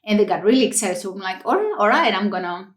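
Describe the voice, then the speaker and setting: A woman's voice: mid-range voice, quick pace, reverberant. A woman from Greece with a Greek accent, a researcher telling her story as an interview guest. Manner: animated storytelling with fillers. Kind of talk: casual interview.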